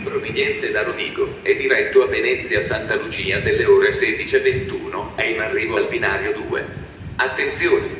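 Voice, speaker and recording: A man making formal, measured train station announcements over a public address loudspeaker. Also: lowish voice, lo-fi sound. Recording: echoey loudspeaker from far off, noisy station. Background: trains and station noise.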